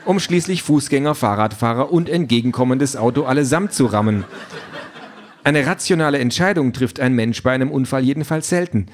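A man voicing an overeager, talkative male self-driving car that lectures in a bright, chatty way, reading an audiobook. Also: mid-range voice, a little hiss or hum, pitched above the performer's own voice, lightly acted. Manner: brightly chatty, lecturing, flares into furious shouting.

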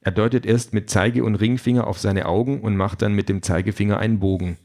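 A man's voice: lowish voice, steady tone, fairly quick, a little mellow. A man narrating an audiobook in a dry, wry storytelling manner. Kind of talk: scripted narration.

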